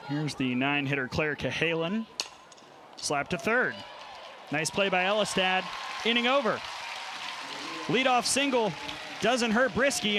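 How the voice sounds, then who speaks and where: A man calling live softball play-by-play in clipped, punchy phrases. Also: on the high side. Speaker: play-by-play announcer. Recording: noisy stadium crowd behind commentary. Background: crowd and outdoor ballpark noise.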